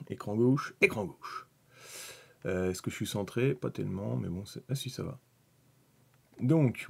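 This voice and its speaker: A man's voice: deep voice, creaky, darkish tone, husky. A man chatting casually through a live stream about hobby miniatures, thinking aloud, rambling, with many fillers and restarts. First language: French.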